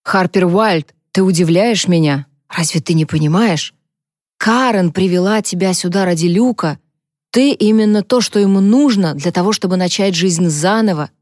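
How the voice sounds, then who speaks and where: Woman reading as a gentle, motherly older woman. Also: lowish voice, moderate pace, dry recording, studio quality, lightly acted.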